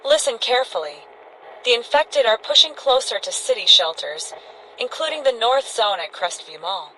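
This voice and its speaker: A woman's voice: fairly high pitch, big pitch swings, normal speed, bright, forceful tone, a little hiss or hum, rough recording. An actress playing a grave, authoritative woman urgently warning survivors in a post-apocalyptic radio broadcast. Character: commanding female captain or scientist warning survivors by radio.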